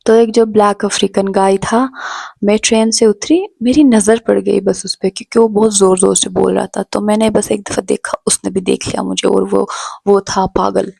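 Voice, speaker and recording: A woman's voice: mid-range voice, steady tone, moderate pace, creaky, darkish tone, slightly rough, no echo. A young woman from Pakistan telling her story in a chatty vlog, switching between Hindi-Urdu and English. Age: young adult. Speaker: vlogger.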